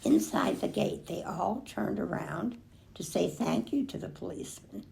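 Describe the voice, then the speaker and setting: Very creaky older woman reading a storybook. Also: mid-range voice. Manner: expressive, pausing to remark on the pictures. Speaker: storybook reader. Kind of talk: children's picture book read aloud.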